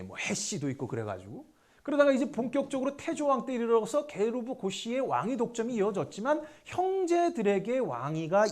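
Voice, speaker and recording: A man giving a history lecture, asking his students rhetorical questions and mixing polite and casual speech. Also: high voice. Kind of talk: lively classroom lecture.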